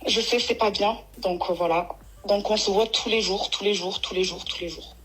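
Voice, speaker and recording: Husky-voiced woman caller pouring out her story. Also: mid-range voice, steady tone, moderate pace, faint music behind, poor audio. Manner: rambling, emotional retelling with many restarts. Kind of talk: phoned-in personal story. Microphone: phone.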